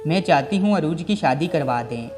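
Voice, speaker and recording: A man's voice: expressive, moderate pace, natural voice. A harsh, domineering aunt, as a male storyteller reads her lines. Her bossy words sit in a long, ringing reverb, with music playing under the voice. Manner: shrill, domineering. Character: harsh scheming aunt and mother.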